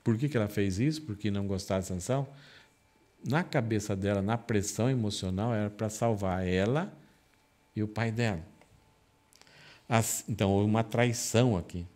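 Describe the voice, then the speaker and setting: A man's voice: lowish voice, moderate pace, long pauses, a little mellow. A man preaching a Bible sermon as pastor, acting out quoted lines with a raised, dramatic voice. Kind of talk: expository sermon. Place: church.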